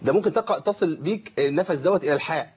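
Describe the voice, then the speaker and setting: A man's voice: a little high, racing, husky, dull audio. A man with an Egyptian Arabic accent teaching Quran recitation on a live call-in lesson, chatty and joking as he corrects mistakes.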